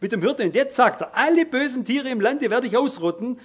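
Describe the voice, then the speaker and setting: A middle-aged man delivers a sermon in a fairly high voice. He leans hard on key words, stretching them out and getting louder, then falls back to a hushed aside. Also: animated, husky. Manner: emphatic, slows down and swells in volume on key words, then drops quiet. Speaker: preacher.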